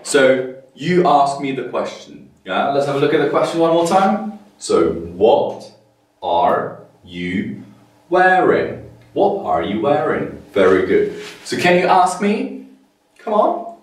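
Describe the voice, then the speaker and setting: A man teaching children English, slowly modeling phrases and praising them warmly. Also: medium pitch, far from the mic. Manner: slow, drawn-out modeling of phrases with lively praise. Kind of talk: kids' language lesson. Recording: very echoey room, voice set back from the mic.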